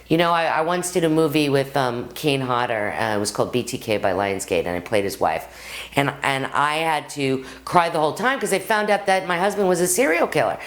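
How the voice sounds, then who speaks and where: A middle-aged woman acting coach teaching straight to the camera, talking to her viewers as "guys" and acting out stories from her own life. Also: very deep voice. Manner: lively, addresses viewers as "guys", acts out anecdotes. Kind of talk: direct-to-camera acting lesson.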